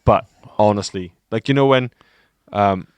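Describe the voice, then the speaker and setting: A man with a fairly low voice chats enthusiastically on a casual shop podcast, peppering his speech with "like" and "um". The sound is close and dry. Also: a little slow, dry recording. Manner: enthusiastic, with many fillers like "like" and "um". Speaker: podcast co-host at a guitar shop. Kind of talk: casual chat. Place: shop, indoors.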